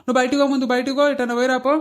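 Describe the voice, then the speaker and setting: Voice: high voice, flat delivery, very fast, close to an everyday voice. An actor doing a hot-tempered young grandson. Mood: scolding. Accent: Telangana Telugu. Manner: scolding, blunt. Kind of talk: cartoon comedy voice acting.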